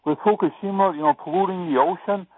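A male radio caller speaking over a tinny tin-can phone line, quoting scripture and pausing often with "you know". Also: sits high, slight background noise. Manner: halting, many "you know" fillers. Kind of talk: casual call-in talk, quoting scripture.

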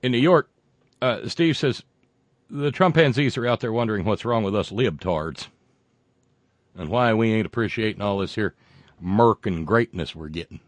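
A male show host reads viewer comments and offers sarcastic, mocking political commentary in a lowish voice at normal speed, with no echo. He pauses often, builds into loud rants before dropping to muttered asides, and swears a lot, full of fillers and restarts.

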